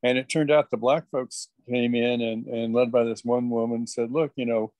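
A man's voice: medium pitch, little pitch movement, normal speed, a little mellow, no room sound. A man joining a group video call and explaining a point in an earnest, filler-laden way, with his audio breaking up and glitching. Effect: choppy, breaking-up call audio. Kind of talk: casual discussion. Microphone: computer or phone on a video call.

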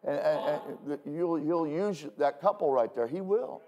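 A man preaching from a church pulpit in a loose, talky style, with a voice pitched a little higher than most men's. He keeps checking in with his listeners and pokes fun at himself along the way. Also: unhurried, mellow, muffled recording. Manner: conversational, self-deprecating asides, frequent "okay?" checks. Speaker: pastor. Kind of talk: sermon.

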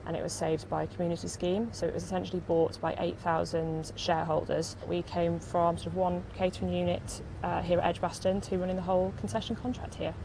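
A woman with a lower voice speaks measuredly about her farm in an interview. Clear outdoor noise and passing traffic sit behind her by a catering stand. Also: little pitch movement. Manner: measured, with fillers. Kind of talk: interview answers.

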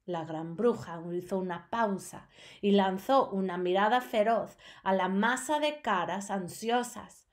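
A woman teacher reading a storybook aloud to her students, slow and expressive. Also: medium pitch.

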